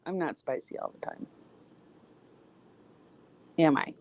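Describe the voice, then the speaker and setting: A woman's voice: low voice, animated, slow pace, darkish tone, dry recording. A woman hosting a casual live-stream chat, teasing and laughing often. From Saint Louis. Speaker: host.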